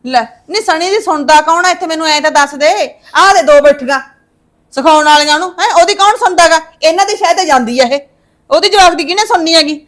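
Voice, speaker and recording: A scolding, taunting mother in a family drama, played by a woman. Her voice sits very high and the words tumble out quickly. She needles everyone around her. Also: a bit bright. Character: sharp-tongued meddling mother-in-law figure, woman. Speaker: visiting mother of the daughter-in-law.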